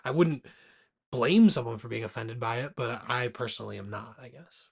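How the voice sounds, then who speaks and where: A movie podcast co-host, a little tipsy from a couple of beers, chats in a loose, rowdy, irreverent way. His mid-range voice is creaky and husky, and he talks at a normal speed.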